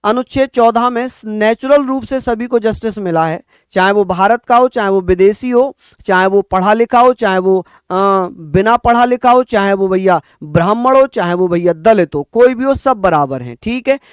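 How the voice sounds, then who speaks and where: A man from northern India teaching an exam-prep lecture, repeating points slowly for students to write down. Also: sits high, clear, resonant tone, no echo, studio quality. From Uttar Pradesh, India. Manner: addresses students as bhaiya, repeats points for dictation.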